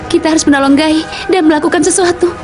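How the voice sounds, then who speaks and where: A woman acting a very high-voiced, earnest young heroine. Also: steady tone, fast talker, over music, lightly acted. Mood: determined. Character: earnest, loyal young female team member. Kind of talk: dubbed superhero film acting.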